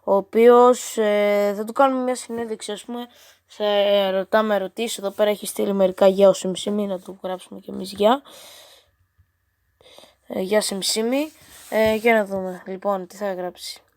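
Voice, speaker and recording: A woman's voice: medium pitch, steady tone, darkish tone, no room sound. A female gaming channel host chatting casually and reading out a chatbot's replies, with playful, teasing, exasperated asides.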